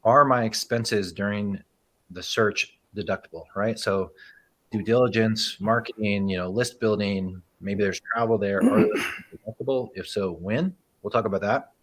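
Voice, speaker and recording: A man's voice: fairly low pitch, moderate pace. A man in his thirties giving a conversational educational presentation on business, often checking in with the audience with "right?" and loose fillers. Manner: casual, frequent "right?" and "um" asides. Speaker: presenter and accounting firm owner.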